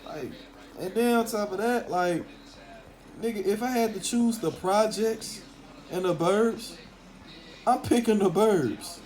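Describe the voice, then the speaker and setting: A talk host from Memphis speaks in a high, slightly mellow voice, taking his time and pausing often. With a Southern accent, he delivers a casual, opinionated monologue full of blunt slang and heavy swearing.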